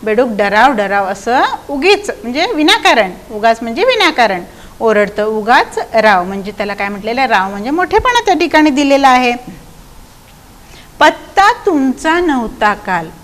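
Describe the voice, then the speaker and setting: High-voiced woman teacher with a Marathi accent. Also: big pitch swings, fairly bright tone. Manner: explains patiently, asks the class questions, recites verse slowly. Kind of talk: recorded classroom lesson explaining a poem to children.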